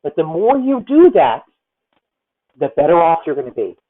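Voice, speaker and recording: A deep-voiced woman in her fifties speaks in a sing-song way at normal speed, coaching a singer as the voice teacher in a masterclass. Heard over tinny video call audio, she's effusive and rambling, calling her student honey.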